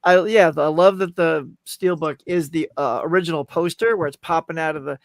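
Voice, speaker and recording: High-voiced man chatting enthusiastically. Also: dry recording. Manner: enthusiastic, halting. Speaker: award show panelist. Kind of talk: casual chat.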